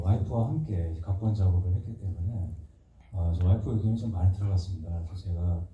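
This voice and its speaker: A film director answering audience questions, halting and full of fillers. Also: male voice, lowish voice, warm tone, slight background noise. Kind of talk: answering questions after a screening. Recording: distant, dull mic in an echoey hall.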